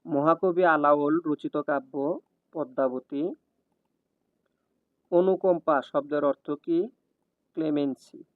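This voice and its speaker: A man with a fairly high voice reads exam questions and their answers in a steady, measured cadence. The sound is thin and phone-like, with a dry, close feel and no room around it. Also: dry recording. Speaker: exam prep tutor. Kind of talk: scripted question-and-answer reading.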